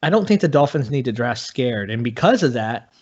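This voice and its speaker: A man giving casual sports analysis as a podcast guest, in a measured, halting way, on dull lo-fi audio. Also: medium pitch, very animated, a little mellow.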